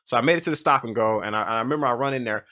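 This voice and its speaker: A man talks fast through a personal story, his voice bright and forward. He rambles, restarts his sentences and fills gaps with "you know" as the memory gets to him. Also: medium pitch. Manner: rambling, emotional, many restarts and fillers. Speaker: podcast guest. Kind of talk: casual storytelling.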